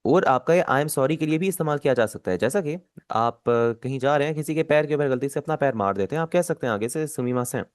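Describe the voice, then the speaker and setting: Guy teaching a language class, patient, repeats words slow, mid pitch, dry close sound. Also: expressive, clean tone, no room sound. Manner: patient, explanatory, repeats key words slowly. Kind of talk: online language lesson.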